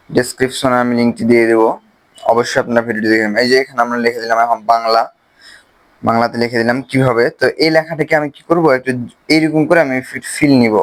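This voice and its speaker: A man with a Bangladeshi Bengali accent, casually explaining a phone video-editing app step by step, with pauses as he clicks. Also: medium pitch. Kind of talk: screen-recorded software tutorial.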